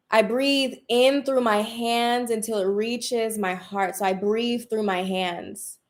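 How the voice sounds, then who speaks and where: A woman speaking casually and emphatically to viewers like a self-help coach, encouraging them and repeating phrases for emphasis. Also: mid-range voice. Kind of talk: casual motivational talk to viewers. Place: room at home.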